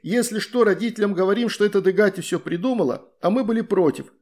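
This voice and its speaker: Man voicing a cocky boy, smug, blaming, slightly raised pitch, storybook. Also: quick pace, darkish tone. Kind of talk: storybook reading.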